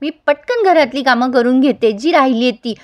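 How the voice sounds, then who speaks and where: A woman voicing a lively young woman planning a surprise, eager and bubbly. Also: high voice, brisk, lightly acted.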